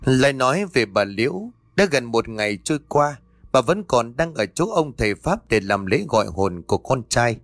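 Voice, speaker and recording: A man's voice: medium pitch, moderate pace, dry recording. Man narrating a horror audiobook. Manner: steady storytelling, voices each character.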